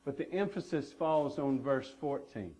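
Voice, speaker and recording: A male pastor delivers a sermon in an earnest, emphatic manner, driving his points home with repeated phrases. His voice sits a little higher than most men's. He speaks from a church stage mic. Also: animated, moderate pace, mellow. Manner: earnest preaching with emphatic repetition.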